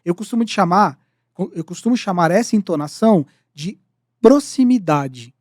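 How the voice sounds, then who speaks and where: A man's voice: high voice, expressive, moderate pace, no room sound, studio quality. A man co-hosting a podcast, teaching sales communication in an explanatory, lecturing manner that defines terms step by step. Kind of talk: casual podcast discussion.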